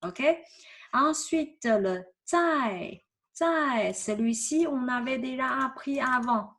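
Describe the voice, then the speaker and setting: A woman's voice: sits high, takes it slowly, fairly bright tone. A woman teaching a vocabulary lesson over a shared screen, patiently repeating words and often checking with "ok?". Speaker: Chinese teacher.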